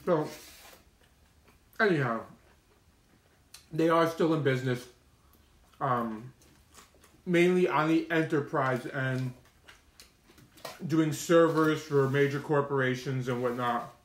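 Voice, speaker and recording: A man's voice: mid-range voice, slow pace, pauses often. A man chatting casually to viewers on a livestream, rambling and opinionated, telling stories with plenty of slang. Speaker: mukbang streamer. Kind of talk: casual rambling live-stream chat to viewers. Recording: roomy, echoey room sound.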